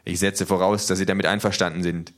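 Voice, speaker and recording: Man doing a stiff pompous senior official, deep voice, formal and bossy, storybook reading. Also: level tone, fast talker, close to an everyday voice. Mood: officious. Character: pompous senior male bureaucrat, formal and cold.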